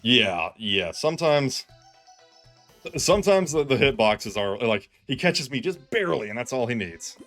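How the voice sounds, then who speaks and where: A man with a fairly low voice talks through his game as he plays, jumping from calm planning to frantic pleading at the screen. He pokes fun at his own mistakes, and soft game music plays underneath. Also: normal speed, hardly any pauses. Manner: self-deprecating, excitable, groans and pleads at the game. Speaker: gaming streamer. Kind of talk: live gameplay commentary.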